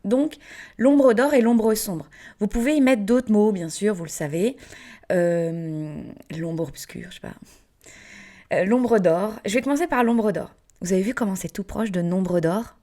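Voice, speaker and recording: Chatty Southern French woman, mellow voice. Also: medium pitch, unhurried. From France. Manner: chatty, playful asides with frequent fillers and soft whispered words. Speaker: yoga teacher and podcast host. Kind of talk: casual spoken teaching.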